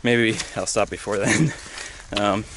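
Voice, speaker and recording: Low-voiced young man vlogging on a trail. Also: fairly even intonation, a bit bright. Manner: halting, many fillers, easygoing. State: out of breath while hiking uphill. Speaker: thru-hiker vlogger. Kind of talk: casual trail vlog. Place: outdoors on a mountain trail. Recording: outdoor clip with clear background noise.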